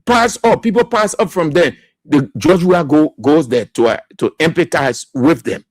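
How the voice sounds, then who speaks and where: Liberian guy on talk radio, high voice swinging all over, dry mic, keeps repeating words to make his point. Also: expressive, normal speed, no room sound. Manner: emphatic, repeats key words for stress. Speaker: radio talk show host. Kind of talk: political commentary.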